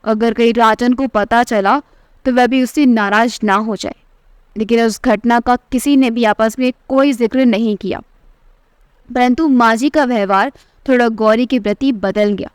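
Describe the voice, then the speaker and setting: A woman narrating a scripted family story in an even, measured way. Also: a little high, clean tone, no echo.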